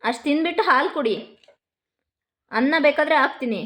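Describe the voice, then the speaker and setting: A woman talking to her pet dog in a scolding, coaxing way, then quietly explaining to viewers. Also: sits high, expressive, normal speed. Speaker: pet vlogger.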